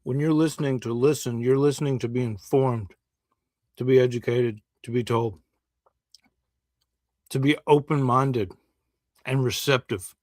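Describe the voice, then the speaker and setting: Reaction-stream host, man, chewing as he talks, even middle voice, dry close mic. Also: medium pitch, no room sound. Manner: measured, lecturing explanations. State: eating while talking. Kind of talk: live reaction commentary.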